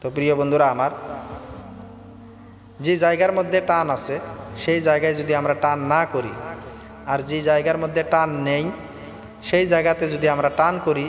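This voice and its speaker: A man teaching correct Quran pronunciation, explaining each sound and chanting the verses slowly. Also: on the high side, level tone, reverberant, big-room sound, a little hiss or hum. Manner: slow, drawn-out chanting of verses between plain explanations.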